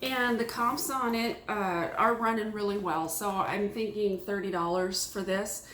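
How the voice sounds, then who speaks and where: A woman chatting casually about her thrift finds, rambling and excitable with lots of fillers, at a table at home. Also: medium pitch, a little slow, roomy sound, slight background noise. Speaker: thrift haul vlogger. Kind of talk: casual chat. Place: small home room at a table.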